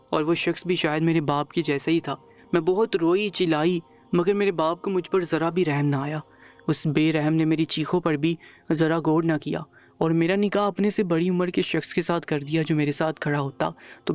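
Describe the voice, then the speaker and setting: Man narrating a sorrowful story. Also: a little high. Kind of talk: scripted narration of an emotional first-person story.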